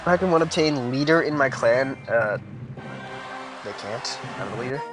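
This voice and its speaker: A man's voice: medium pitch, lively intonation, normal speed. A man casually commenting on his own gameplay during a live stream, laid-back and mumbling asides as he reacts to chat. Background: game music.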